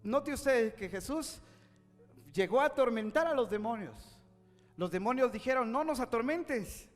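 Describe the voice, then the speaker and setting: A man's voice: very high-pitched, expressive, unhurried, long reverb tail, soft background music. A man preaching a sermon, retelling scripture stories with acted quotes, rising and dropping in intensity.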